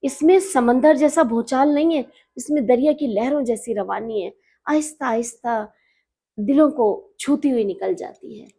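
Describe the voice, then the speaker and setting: A woman's voice: high-pitched, normal speed, dark tone, slightly rough. Teacherly middle-aged woman, precise and emphatic. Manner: teacherly, stresses and repeats words to correct pronunciation. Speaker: guest, newspaper editor and poet. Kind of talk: podcast interview conversation.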